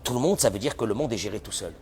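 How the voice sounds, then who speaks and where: A man giving a sermon as a rabbi, animated, often acting out the voices of people who complain. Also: fairly low pitch, racing.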